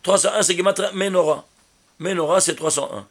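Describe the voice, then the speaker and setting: A man, a rabbi, giving a Torah lesson on numerology with an animated manner, firing rhetorical questions at his listeners. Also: high voice, a little fast, creaky.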